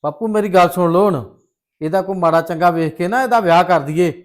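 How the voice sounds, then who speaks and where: A man's voice: high voice, a little fast, close to an everyday voice. An actor playing an angry brother who scolds his sister and family. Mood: stern. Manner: loud, scolding. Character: angry brother, head of the young household.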